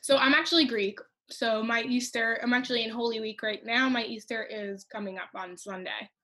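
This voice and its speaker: Give me a woman on a podcast with a slightly high voice. She talks openly in a loose, chatty way, full of small fillers. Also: steady tone, fairly quick, pushed and bright. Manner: open, chatty, many "like" fillers. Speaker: podcast co-host. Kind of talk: casual chat.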